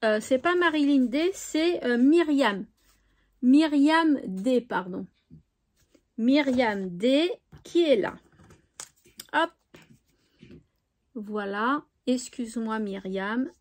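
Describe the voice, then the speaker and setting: A woman's voice: sits high, lively intonation, drawn-out words, long pauses, a little mellow. A woman chatting cheerfully to viewers on her crafting channel, with little "hop" sounds as she sorts things. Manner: chatty, cheerful, says "hop" while sorting. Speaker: scrapbooking YouTuber. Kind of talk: casual vlog chat.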